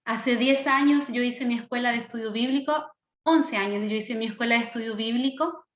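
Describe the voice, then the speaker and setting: A Chilean woman in her thirties speaks with fervent, earnest enthusiasm as a Bible teacher. Her voice sits high. The sound is dull and rings around a reverberant room. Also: normal speed. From southern Chile. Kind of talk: online class introduction.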